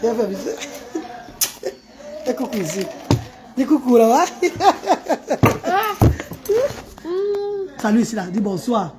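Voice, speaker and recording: Animated woman chatting on a live stream. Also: on the high side, drawn-out words, long pauses, background noise. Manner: animated, coaxing a child between remarks to viewers. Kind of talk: casual live-stream chat with viewers.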